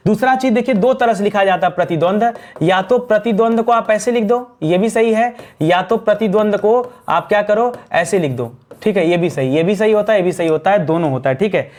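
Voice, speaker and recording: A man's voice: high-pitched, darkish tone. A man teaching Hindi spelling, who keeps asking his students what is correct, then answers himself. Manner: repeats questions to students, calling them "friends"; clears throat now and then. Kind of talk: spelling lesson at a board.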